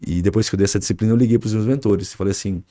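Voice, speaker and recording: Fast-talking Brazilian father telling a story. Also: fairly low pitch, mellow, no echo, clean studio sound. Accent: Brazilian Portuguese. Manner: anecdotal, acts out dialogue, frequent fillers like "né" and "cara". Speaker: podcast guest, father. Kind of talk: casual storytelling interview.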